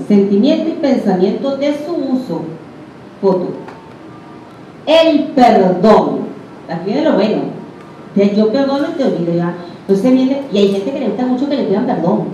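A woman's voice: fairly high pitch, mellow, slight background noise. A woman with a Venezuelan accent teaching a group in a conversational way, often putting questions to her listeners. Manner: conversational, questions the audience directly. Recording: echoey room, distant dull mic.

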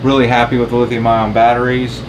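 A man's voice: medium pitch, completely flat delivery, fast, background noise. A man in his forties talking casually with lots of ums while explaining a boat galley project to a camera a few feet away. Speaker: boat owner vlogger. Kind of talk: casual how-to vlog. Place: boat galley, small indoor cabin. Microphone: camera on tripod a few feet away.

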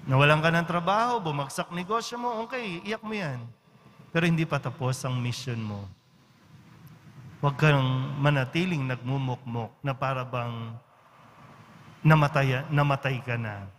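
A priest with a Filipino accent delivers a Sunday-style homily in a relaxed, conversational manner, often checking in with listeners through frequent tag questions. His voice is mid-range, his pace moderate with long pauses, and the recording carries large-church reverb with faint background noise.

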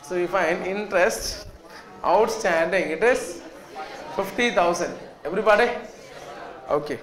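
High-pitched South Indian man lecturing. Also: measured pace, fairly bright tone, soft background music, some chatter behind. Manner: emphatic, repetitive, questions students often. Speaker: accountancy lecturer. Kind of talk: classroom lecture. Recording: echoey classroom with students faintly audible.

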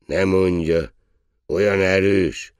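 An older man voicing a tough, sleepy young sailor-waiter who talks loud, blunt and drawling. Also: deep voice, steady tone, clear, resonant tone, dry recording, pitched above the performer's own voice, natural voice. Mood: brash.

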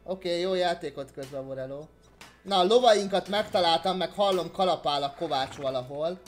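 A man giving playful let's-play commentary, chatting to game characters and bursting into loud exclamations. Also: a little high, soft background music.

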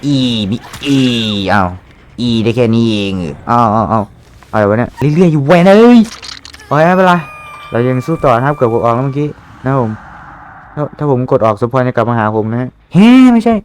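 An excitable young man narrates his gameplay with a lively, swooping voice, cursing and yelling at the screen. He speaks at a medium pitch over a faint hiss of background noise. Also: fast. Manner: excitable, swears a lot, yells at the game. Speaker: gaming streamer. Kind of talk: live gameplay commentary.

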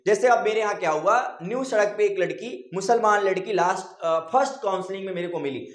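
A man's voice: high-pitched, a little fast. A male coaching teacher giving assertive, confident admissions advice straight to his students. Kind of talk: direct-to-camera advice video. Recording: echoey room.

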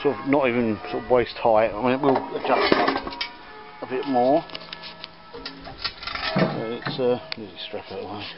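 At a moderate pace with long pauses, a man with a mid-range voice casually shows off auction finds outdoors in a garden and workshop, rambling with ums and restarts. Loud music plays behind his voice, and the slightly dull camera audio also carries faint background noise, outdoor ambience and church bells.

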